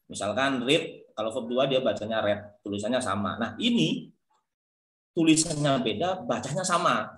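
A man's voice: mid-range voice, moderate pace, fairly bright tone, echoey room. A male lecturer teaching English pronunciation in an online class, calling on students by name and encouraging them. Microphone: video call.

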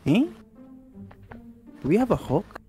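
A co-op gaming partner with a middle-pitched voice, chatting casually while playing. They call out directions and laugh easily. Faint lo-fi music sits in the background. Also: sing-song, slow, dark tone, husky.

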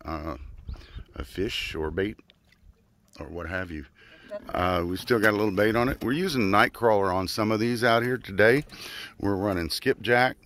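A man's voice: fairly low pitch, normal speed, pauses often, fairly bright tone. A man in his forties hosting a casual fishing vlog from a small boat on a river, talking with lots of fillers into a handheld phone. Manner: chatty, filler-heavy, upbeat. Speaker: fishing channel host. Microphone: handheld phone camera. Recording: outdoor noise from water and boat.

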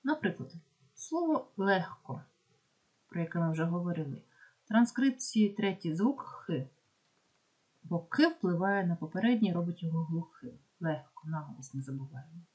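A woman with a Ukrainian accent, teaching a pronunciation lesson and slowly spelling out example words with care. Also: fairly low pitch, animated, a little mellow. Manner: slow, careful dictation of examples. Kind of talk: explaining phonetics lesson.

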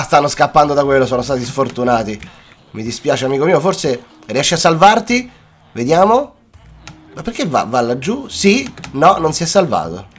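Young Italian Let's Play host, animated and jokey, voice a bit worn from coughing, faint music underneath. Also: male voice, mid-range voice, slightly rough. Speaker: gaming YouTuber. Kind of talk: casual Let's Play commentary. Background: faint background music.

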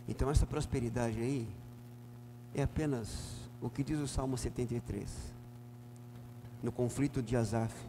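A man with a southern Brazilian gaúcho accent, a pastor teaching a Bible lesson emphatically, swinging from loud to soft. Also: medium pitch, fairly even intonation, normal speed, long pauses. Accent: southern Brazilian, Rio Grande do Sul. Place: church hall. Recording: reverberant church hall, faint hum.

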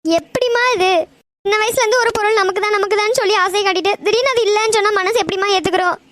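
A woman voicing a shrill, stubborn cartoon mother. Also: very fast, fairly bright tone, no room sound, clean studio sound. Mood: hurt insistence. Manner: pleading, argumentative, insistent. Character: upset middle-aged mother, stubborn and grieving. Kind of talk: cartoon voice acting.

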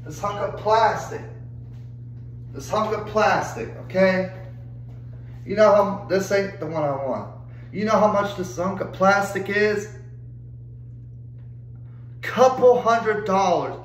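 Exasperated young guy ranting, cursing nonstop, high voice, faint hum behind. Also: takes it slowly, long pauses, reverberant, low-quality recording. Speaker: vlogger. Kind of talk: angry rant to camera.

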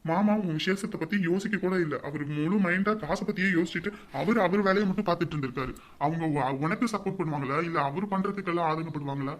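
A man's voice: high-pitched, fast, few pauses. A man playing a patient husband in a family drama, who reasons with his wife and lectures her earnestly. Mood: earnest lecturing.

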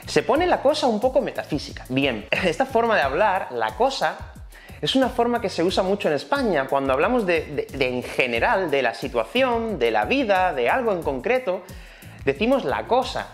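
A man's voice: high-pitched, sing-song, moderate pace, soft background music. A man with a Spain Spanish accent teaching an online Spanish lesson in a chatty, explanatory way. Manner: chatty, explanatory, many fillers.

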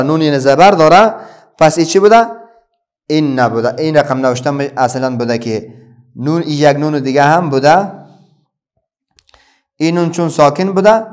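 A man's voice: fairly high pitch, darkish tone. Questioning man teaching children. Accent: Afghan Dari. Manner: asks the pupils questions and answers them himself, with many pauses and fillers. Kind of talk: classroom Quran reading lesson for children.

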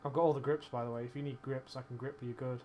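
A man's voice: mid-range voice, steady tone, fast, darkish tone, a little hiss or hum. A man streaming a shooter game, chatting casually over a headset, joking and swearing with his teammate. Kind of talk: casual gaming chat.

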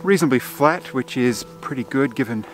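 A man's voice: medium pitch, lively intonation, brisk, soft background music. A man in his forties, a photographer explaining his shoot in a chatty vlog to a handheld camera outdoors. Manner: chatty, explanatory, with frequent fillers. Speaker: landscape photographer. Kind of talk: casual vlog narration to camera. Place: outdoors in a forest and on a gorge lookout. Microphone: camera mic at arm's length.

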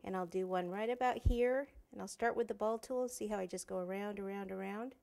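A woman in her forties, speaking briskly in a medium-pitched, creaky, slightly mellow voice, teaches cake decorating in a home kitchen. It's a casual hands-on tutorial where she chats and thinks aloud while working, recorded on a lapel mic.

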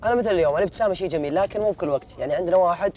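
A man's voice: sits high, very fast, darkish tone. A man with a Gulf Arabic accent chatting casually in a group, often restarting and repeating the openings of his sentences. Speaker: first-time stand-up performer on a TV show. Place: large walled courtyard set with a group of men.

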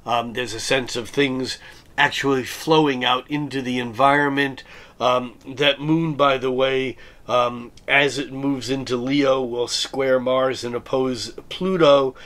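Man, astrologer, raspy, hoarse, recovering from illness, methodical forecast monologue, middle pitch. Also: fairly even intonation, measured pace, fairly bright tone. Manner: methodical, lists dates and planetary aspects one by one.

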